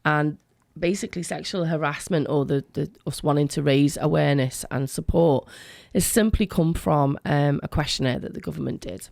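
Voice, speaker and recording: A middle-aged woman with a creaky voice, talking earnestly and emphatically as a guest in a radio interview. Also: sits low, normal speed, hardly any pauses, darkish tone, dry recording, studio quality. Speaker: education worker, interview guest.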